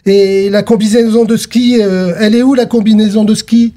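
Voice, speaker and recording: Woman playing a halting, offhand middle-aged husband in a story reading, voice a touch low and mellow. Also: fairly even intonation, close to an everyday voice. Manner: hesitant, halting with fillers.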